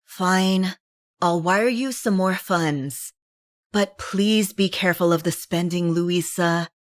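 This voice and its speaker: A woman voicing a young woman, an earnest, caring older sister who speaks in a measured way. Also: on the low side, no room sound, clean studio sound.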